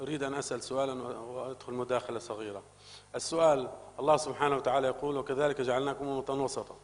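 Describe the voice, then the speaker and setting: A man in the audience putting an earnest, formal question and comment to the speaker at a conference, quoting scripture. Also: medium pitch. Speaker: audience member. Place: large conference hall. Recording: reverberant conference hall.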